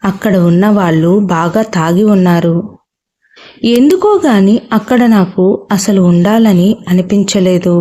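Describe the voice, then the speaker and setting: A woman voicing a young woman who falters at first and then firmly tells her painful past, in a warm, mellow voice. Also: fairly low pitch, unhurried. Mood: recounting. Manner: faltering, then firm recounting.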